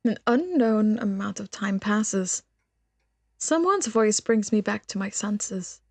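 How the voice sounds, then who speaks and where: A woman's voice: mid-range voice, lively intonation, slow pace, a little mellow, no room sound. A young woman streaming a game, chatting playfully and reading the dialogue aloud. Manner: chatty, playful, reads dialogue with small voices. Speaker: VTuber streamer.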